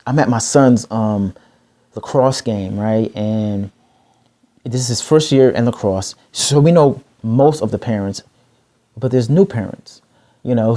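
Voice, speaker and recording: A middle-aged man talks casually to the camera in a slow, unhurried way, often pausing, repeating himself and restarting sentences. His voice is mellow and darkly colored. He sounds patient and reflective as he works through each thought. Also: medium pitch. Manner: slow, halting and repetitive, with fillers and self-corrections. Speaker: vlogger sharing stuttering tips.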